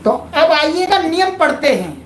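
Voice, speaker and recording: A woman's voice: high voice, sing-song, a little slow, echoey room, a little hiss or hum. A woman teaching a Sanskrit grammar lesson online, patient and polite, repeating key points to her viewers.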